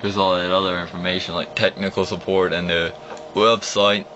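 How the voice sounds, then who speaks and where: A young vlogger with a deep voice shows off an old computer at his home desk, talking at a moderate pace. He rambles and restarts, explaining each click in a casual, off-the-cuff walkthrough. His phone camera is pointed at the screen, so the audio is muffled with a steady hum.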